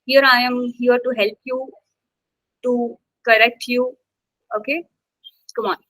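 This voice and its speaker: Bright, high-voiced woman teaching online. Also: flat delivery, takes it slowly, no echo, low-quality recording. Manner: checks in constantly with "okay?" and coaxes students to speak. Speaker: English exam instructor. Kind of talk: live online class teaching.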